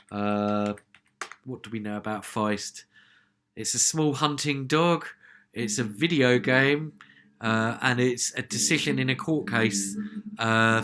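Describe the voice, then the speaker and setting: A man's voice: mid-range voice, pushed and bright. A man from southern England with a southern English accent, hosting a music podcast in a chatty, rambling way, full of "uh" fillers and chuckles. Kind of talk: casual music review commentary.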